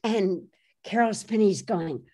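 Animated woman telling stories. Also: medium pitch, takes it slowly. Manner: animated, lively storyteller, laughs easily. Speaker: author being interviewed. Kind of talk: anecdotal storytelling in conversation.

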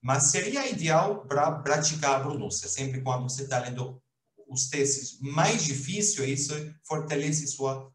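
A man teaching Arabic in a recorded online lesson, explaining slowly and haltingly with many restarts. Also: a little high, reverberant. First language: Portuguese.

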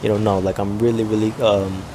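A young man giving casual, rambling commentary over a video game, chatting to viewers and breaking into excited yelps and laughs. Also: lowish voice, fairly quick, noisy background. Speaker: gaming YouTuber.

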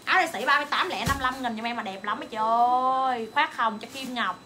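High-voiced girl selling clothes on a live stream, super fast, bit of noise behind. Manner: rapid, excited hawking, calls to viewers and staff. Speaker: online clothing seller. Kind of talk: livestream sales pitch.

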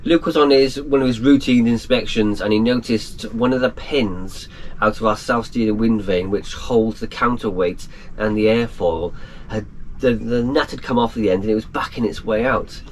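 A man's voice: on the low side, moderate pace. A man in his thirties talking casually to a handheld camera on a small sailboat at sea, plain and matter-of-fact. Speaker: sailing vlogger. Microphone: action camera at arm's length. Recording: loud wind and sea noise. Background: wind and waves.

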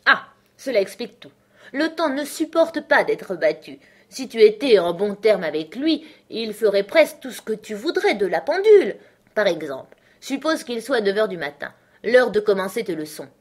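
A woman voicing the mad male Hatter in a storybook reading, speaking high, loud and scornful. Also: very animated, moderate pace. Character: mad male Hatter, rude, fussy and contrary.

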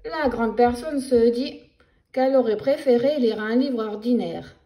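A woman reading a children's book aloud in a playful, animated storytelling voice with sound effects. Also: fairly high pitch, measured pace, noisy background. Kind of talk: expressive read-aloud for children.

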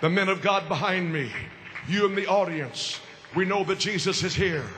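A high, bright-toned man preaches a fervent revival sermon at an outdoor rally. He speaks slowly and plainly, repeats his phrases, and lifts into shouted calls. The loudspeaker sound rings out with a long, echoey tail over faint background noise. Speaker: visiting bishop and evangelist. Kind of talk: open-air revival sermon. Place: outdoor park rally through a PA. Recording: echoey open-air PA with crowd noise.

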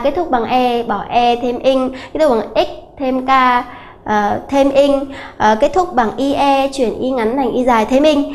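A woman with a high, light voice is teaching a grammar lesson for an exam-prep class. She explains step by step and repeats the key points slowly. Frequent hesitant fillers break up her sentences. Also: a little mellow. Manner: slow, repetitive explaining with many filler "à" sounds. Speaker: English teacher.

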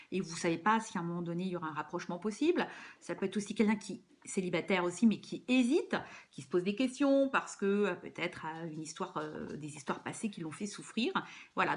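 A woman giving a casual, chatty tarot card reading as host, with frequent fillers and restarts. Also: medium pitch.

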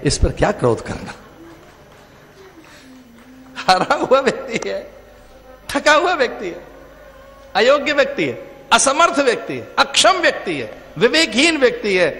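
Recorded in a reverberant hall with soft music behind him, a north Indian man with a Hindi accent gives a spiritual discourse at a large venue. Emphatic and repetitive, he piles up long lists in a rising, falling cadence, his voice sitting high and a bit bright.

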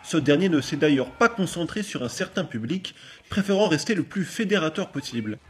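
A man's voice: on the high side, animated, fairly quick, noisy background. A man reading a scripted promotional voice-over narration for a film feature. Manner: smooth, promotional read.

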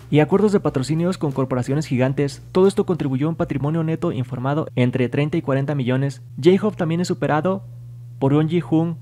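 Male news voice-over, slightly high, mellow tone, even scripted read. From Spanish-speaking. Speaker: K-pop news narrator.

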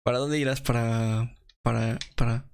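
An excitable young man with a Mexican accent chatters through his gameplay in casual, slangy bursts and laughs often. His voice sits at a middling pitch, with a faint noise underneath. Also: normal speed, creaky. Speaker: gaming video creator.

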